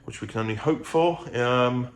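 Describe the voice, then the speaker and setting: A vlogger with a medium-pitched voice chats casually to camera at a moderate pace, rambling and hesitating as he goes, with clear background noise in the recording.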